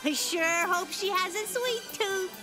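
Very high little girl, bossy, wry, unhurried, lively cartoon delivery. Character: bossy, quick-witted little girl, self-assured and wry. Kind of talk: children's cartoon voice acting. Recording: background music under the voice.

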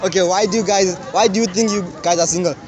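A man's voice: high-pitched, steady tone. A young man with a South African accent, interviewing people on a street at night. He talks with a handheld mic, is playful and says "okay, okay" over and over. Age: young adult. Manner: fast, repeats "okay, okay" often, playful. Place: busy street at night, outdoors. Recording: street crowd noise behind.

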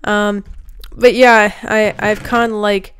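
A young woman gaming youtuber offers casual commentary over her gameplay, slow and flat, rambling chattily through plenty of fillers. She's sick with a cold, which adds a slight roughness to her otherwise smooth, clear, middle-pitched voice, picked up close on a desk mic.

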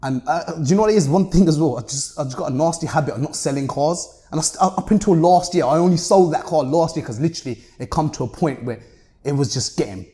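A man's voice: fairly high pitch, quick pace, mellow. A man in his thirties from Luton with a British urban roadman accent, talking casually in slangy, street-tough style as a podcast interview guest. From Luton, England. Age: 30s. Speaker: interview guest, car rental business owner. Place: indoor meeting room at a table.

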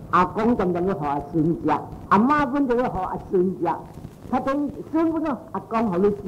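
A Buddhist monk giving a dharma talk, telling stories and repeating his phrases in pairs, with English phrases mixed in. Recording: muffled with faint noise and low rumble.

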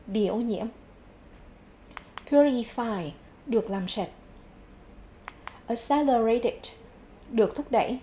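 Woman teacher with a clear, measured delivery. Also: a little high, mellow, a little hiss or hum. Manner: repeats each English word twice, then gives its meaning. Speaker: English teacher. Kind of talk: televised vocabulary lesson. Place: TV studio.

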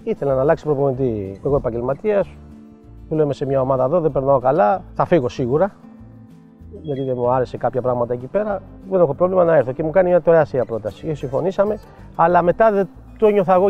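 An older man and football coach telling animated anecdotes in an interview, acting out the dialogue he quotes. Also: mid-range voice. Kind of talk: storytelling interview. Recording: dull lo-fi sound with faint music.

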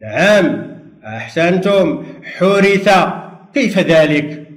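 A man teaching a primary school Arabic grammar lesson for television, speaking patiently and drawing out words, with pauses for pupils to answer. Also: fairly high pitch, lively intonation, reverberant. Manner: patient, slow, drawn-out drilling with pauses for answers. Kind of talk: televised distance-learning lesson.

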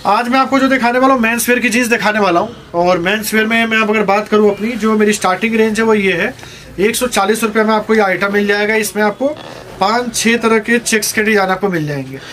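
A man who owns a jeans shop, giving a sales pitch and listing prices, fabrics and sizes as he shows each item. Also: fast talker, fairly bright tone, a little hiss or hum. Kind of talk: sales pitch showing products. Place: garment shop.

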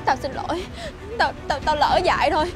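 Woman doing whiny young mistress begging and sweet-talking, high voice, music playing. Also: moderate pace, crowd noise, close to an everyday voice. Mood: pleading. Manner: whiny, pleading. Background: background music.

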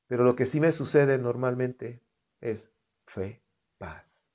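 A man's voice: mid-range voice, slow pace, dark tone, dull audio. A man leading a live-streamed Bible reflection, reading scripture aloud and talking to viewers in an earnest, conversational way. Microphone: computer setup.

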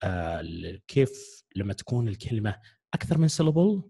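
Low husky guy teaching grammar, voice goes up and down a lot, keeps asking if you got it. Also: big pitch swings, mellow. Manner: explains step by step, often checks understanding with quick questions. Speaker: English teacher. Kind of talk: classroom grammar lesson.

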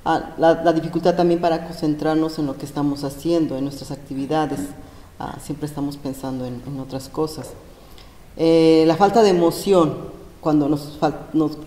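A woman's voice: sits low, dark tone. Hesitant woman from Mexico in echoey gym. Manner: hesitant, many fillers and restarts. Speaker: panel guest. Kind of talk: explaining a health topic. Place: large school gym. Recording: roomy echo, long gym reverb.

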